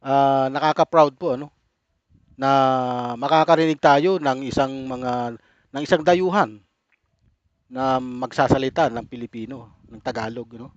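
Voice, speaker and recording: A man with a Filipino accent hosts a reaction video in an emphatic, deliberate manner. His voice sits at a medium pitch, recorded dry and a little dull. He addresses viewers informally and repeats his points. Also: steady tone, dry recording. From Philippines.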